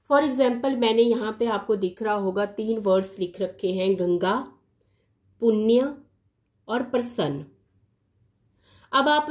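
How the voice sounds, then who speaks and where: A woman teacher explaining a grammar lesson patiently, repeating key terms and mixing English words into her speech. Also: mid-range voice.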